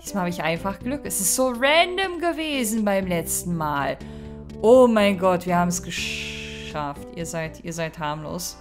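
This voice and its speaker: A woman's voice: lowish voice, sing-song, unhurried, faint music behind. A woman hosting a let's play, chatting casually and reacting to the game with mock exasperation. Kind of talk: casual gameplay commentary.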